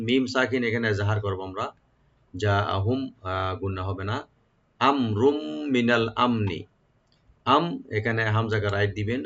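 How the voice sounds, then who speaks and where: A man with a lowish voice teaches Quran recitation one syllable at a time. He draws out each phrase, repeats it, and explains the pronunciation rules patiently. The recording is dull and lo-fi. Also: fairly bright tone. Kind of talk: step-by-step tajweed lesson.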